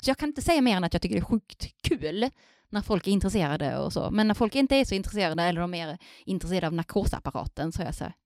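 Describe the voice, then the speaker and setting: A woman speaking as a surgeon guest on a podcast, lively and acting out quoted voices in casual chat. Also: on the low side, no room sound, studio quality.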